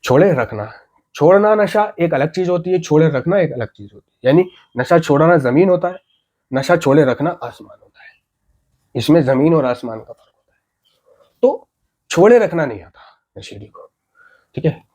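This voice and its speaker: A man's voice: a little high, expressive, moderate pace, long pauses, darkish tone. Earnest man urging addiction recovery. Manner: earnest, repetitive, drives points home with rhetorical questions. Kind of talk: motivational talk to camera.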